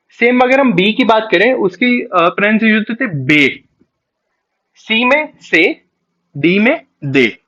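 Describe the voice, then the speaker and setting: High, lively-voiced man teaching beginners. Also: muffled recording. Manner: patient step-by-step explaining, switching between Hindi and English; slows to spell out and repeat letter sounds. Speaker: Spanish teacher. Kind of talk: beginner language lesson.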